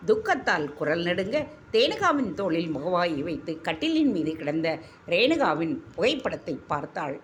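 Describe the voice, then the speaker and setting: A woman narrating a serialized story in an expressive, measured reading. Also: fairly low pitch, slight background noise.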